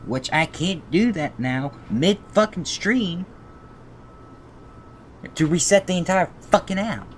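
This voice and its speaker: A male video game streamer reads the game's story text aloud on a livestream, commenting with irritation and heavy profanity. His voice sits high, and he goes slowly with frequent pauses over steady background noise.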